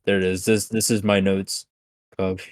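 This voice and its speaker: A man's voice: low voice, level tone, moderate pace, dry recording, studio quality. A man chatting casually as a player in a tabletop game. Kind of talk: casual chat.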